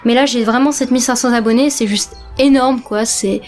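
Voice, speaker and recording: A woman's voice: on the high side, steady tone, a little fast, faint music behind. A young woman in her late teens, talking casually in a vlog from her bedroom, chatty and hesitant with many fillers. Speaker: vlogger.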